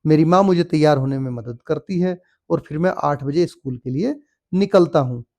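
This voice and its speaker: A young man tutoring a school English lesson, reading each English line slowly and then explaining it. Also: a little high, dark tone, dull audio.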